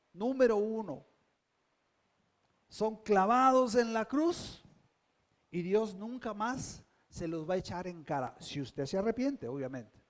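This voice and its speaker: Male pastor, high voice, emphatic sermon delivery, keeps asking the congregation questions.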